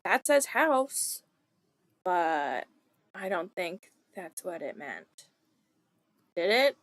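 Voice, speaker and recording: A woman streaming a co-working session, thinking aloud in casual self-deprecating chat with soft muttered asides. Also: on the low side, very animated, extremely slow, dry recording.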